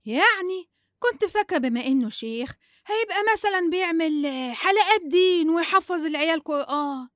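Bossy, high-voiced Egyptian plotter. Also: female voice, lively intonation, brisk, fairly bright tone, no echo, studio quality. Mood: complaining. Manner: demanding, complaining. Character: bossy, mischief-loving Egyptian woman plotting neighbourhood quarrels. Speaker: actress in a radio serial. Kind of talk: Egyptian radio comedy drama acting.

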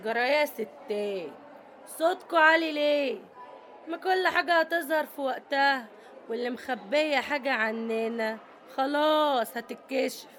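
A woman's voice: sits high, normal speed, a bit bright. An actress with an Egyptian accent playing a tough, domineering middle-aged female prison boss who scolds and commands. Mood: bossy.

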